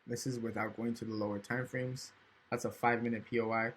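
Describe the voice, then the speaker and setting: A man's voice: medium pitch, level tone, brisk, background noise. A man casually walking through trading charts on screen, thinking aloud and often checking in with "right?". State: hiccups. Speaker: trading educator. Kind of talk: screen-recorded chart walkthrough.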